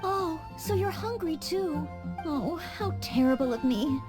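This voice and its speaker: With soft game music in the background, a woman portrays an earnest young maid in knightly training for a video game. Her high-pitched voice has lively intonation and a somewhat slow pace, and she comes across as polite, formal and eager to help.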